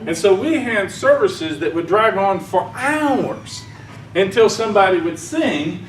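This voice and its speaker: Speaking at a conference, this high-pitched Arkansas man with a Southern accent sounds expressive and keeps a measured pace. He rambles folksily through a sermon talk and chuckles at his own jokes. A faint hiss or hum runs under the echoey, far-miked hall sound.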